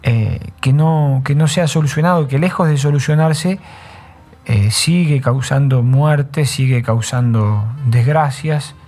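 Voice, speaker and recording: A man hosting a radio show, giving unhurried, reflective commentary between songs and often ending thoughts with a tag question. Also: medium pitch, a little mellow. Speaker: radio host.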